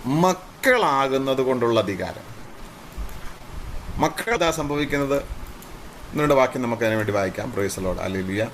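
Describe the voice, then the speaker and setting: A man preaching a sermon as pastor, rising on emphatic lines and dropping to low muttered praise asides. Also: animated, normal speed, long pauses, slight background noise.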